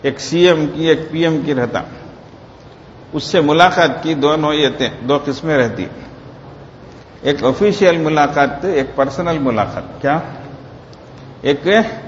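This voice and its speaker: Preacher in an echoing hall. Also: male voice, medium pitch, a little hiss or hum. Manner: rhetorical questions to the audience; slow emphatic phrases on religious words. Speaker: Islamic preacher. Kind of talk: Ramadan sermon. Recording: roomy long reverb, dull lo-fi sound.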